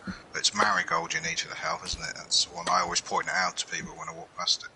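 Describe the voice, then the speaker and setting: A man with a very deep, gravelly voice in a laid-back gaming chat. His pitch swings widely as he talks, and he often breaks off and restarts. His voice chat comes through with clear noise behind it. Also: big pitch swings, pushed and bright. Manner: laid-back, halting, with false starts. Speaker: gamer chatting during play. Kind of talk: casual chat. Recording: noisy voice chat recording.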